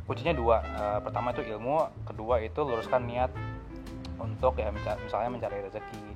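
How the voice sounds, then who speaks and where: A man's voice: on the low side, fairly even intonation, fairly quick. Man explaining casually over music. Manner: informal, explanatory, gives simple examples. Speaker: channel co-host. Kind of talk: casual advice to viewers. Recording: music behind the voice. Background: clear background music.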